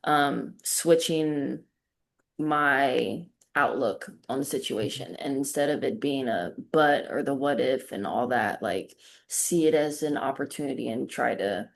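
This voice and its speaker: A woman's voice: a bass voice, a little slow, creaky. A young woman, a practice partner in a mentoring exercise, giving appreciative feedback with frequent fillers.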